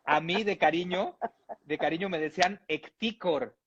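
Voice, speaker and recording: A man's voice: high voice, normal speed, fairly bright tone, breathy edge. Amused man reading a funny text. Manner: playful, amused delivery with chuckles. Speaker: reader. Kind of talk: reading a humorous text aloud. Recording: dull lo-fi audio.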